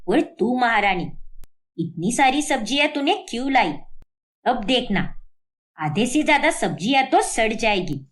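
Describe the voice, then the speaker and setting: Woman playing a bossy cartoon mother-in-law, always scolding, shrill and up and down. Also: sing-song, a little slow. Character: stern scolding mother-in-law, middle-aged. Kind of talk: cartoon story voice acting.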